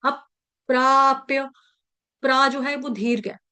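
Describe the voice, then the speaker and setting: A woman with a high voice leads an online class over a video call and teaches how to pronounce a verse. She is patient and breaks words into syllables, saying each one several times. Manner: patient, repeats syllables slowly to drill pronunciation. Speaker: Sanskrit verse recitation teacher.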